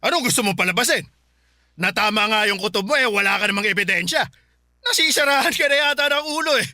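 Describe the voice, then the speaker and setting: A bullying hot-tempered husband. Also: male voice, high voice, animated, quick pace, dry recording, clean studio sound, full character voice. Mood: scornful. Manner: scolding, sneering and shouting. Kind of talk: radio drama acting. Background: music.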